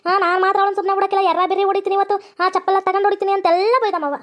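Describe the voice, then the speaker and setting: A woman voicing a feisty, foul-mouthed young daughter-in-law in a cartoon, with a North Karnataka accent and a sharp, scolding manner. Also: very high-pitched, little pitch movement, racing, lo-fi sound. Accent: North Karnataka Kannada.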